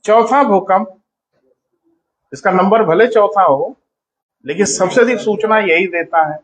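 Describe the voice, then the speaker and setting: A man's voice: high-pitched, measured pace, poor audio. Stern lecturing male coaching teacher. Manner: stern, lecturing, scolding then explaining; calls students "beta". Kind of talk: classroom lecture.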